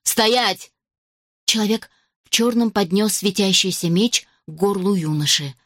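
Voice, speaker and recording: A woman reading a novel aloud as an audiobook narrator, in an even, measured way. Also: mid-range voice, dry recording, studio quality. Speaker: audiobook reader. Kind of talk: scripted narration.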